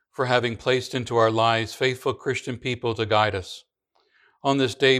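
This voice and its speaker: Smooth-voiced man reciting church prayers. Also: medium pitch, a bit bright. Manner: slow, measured recitation with small restarts. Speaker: pastor. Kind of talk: liturgical prayer reading.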